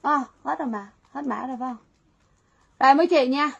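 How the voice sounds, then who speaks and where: A woman's voice: sits high, fast talker, vocal fry, fairly bright tone, lo-fi sound. A woman running a livestream sale, talking chattily to viewers and repeating phrases, with faint noise behind her. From Vietnam. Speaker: livestream seller. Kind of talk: livestream sales pitch.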